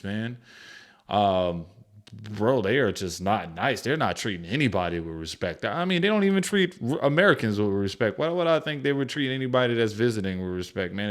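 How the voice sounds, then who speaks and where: A man hosting a reaction show, commenting casually in slangy speech. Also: medium pitch. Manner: laid-back, slangy, laughs easily.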